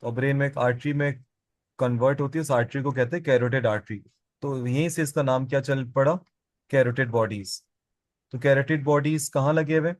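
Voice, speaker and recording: A man's voice: mid-range voice, steady tone, moderate pace, no room sound. Man lecturing biology to a class. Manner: asks the class questions and answers them himself, repeats key terms. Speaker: biology teacher.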